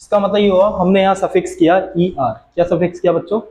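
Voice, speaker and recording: A teacher with a high, mellow voice walks students through grammar rules, often asking a question and then answering it himself. His voice carries the echo of a bare room. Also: steady tone, fast talker, lo-fi sound, a little hiss or hum. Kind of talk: classroom grammar lesson.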